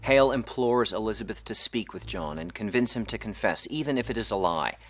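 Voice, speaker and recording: A man reading a scripted plot summary in a measured, evenly paced way, with faint music behind. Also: lowish voice, animated, fairly bright tone. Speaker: narrator. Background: faint background music.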